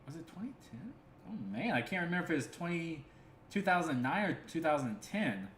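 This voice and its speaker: A man's voice: a little high, very animated, a little fast, fairly bright tone, a little hiss or hum. A man hosting a crypto livestream, talking casually and earnestly, rambling with many fillers and restarts. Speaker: crypto stream host. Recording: echoey room with faint ambience.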